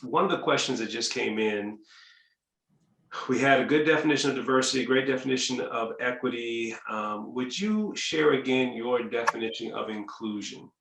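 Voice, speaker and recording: A man's voice: mid-range voice, moderate pace, gravelly, fairly bright tone, roomy sound. A man hosting a webinar interview, chatty, reading out audience questions and restarting his sentences often. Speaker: host.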